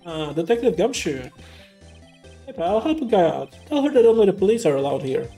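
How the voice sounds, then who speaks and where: A man doing a bumbling gruff cop. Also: high voice, big pitch swings, a little fast, dark tone, soft background music, exaggerated voice. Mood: blustering. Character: lanky bumbling male police detective.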